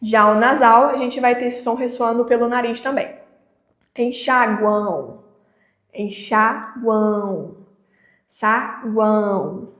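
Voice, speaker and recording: A woman teacher explaining Portuguese phonetics in a lesson, slowly drawing out each example word. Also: on the high side, steady tone, fairly bright tone, roomy sound. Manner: slow, drawn-out pronunciation of example words. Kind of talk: online grammar lesson.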